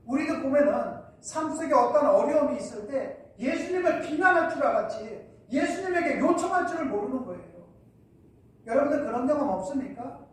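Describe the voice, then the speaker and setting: Male pastor preaching from a distance in a church; booming echo, faint room noise. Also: darkish tone. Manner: preaching with rhetorical questions. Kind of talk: sermon. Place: church hall. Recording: echoey church from far off.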